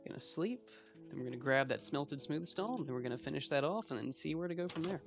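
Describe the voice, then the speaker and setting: A man's voice: a little high, lively intonation, fast, creaky, music in the background. A 21-year-old man giving casual gameplay commentary as a let's play host, rambling with self-mocking asides.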